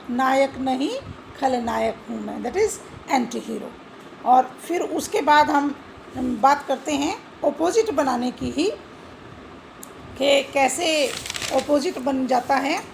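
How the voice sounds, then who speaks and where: A woman's voice: sits high, a little slow, creaky, slight background noise, rough recording. A woman teaching English grammar with an Indian accent, mixing Hindi and English, spelling words out letter by letter and asking questions she answers herself. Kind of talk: classroom-style explanation.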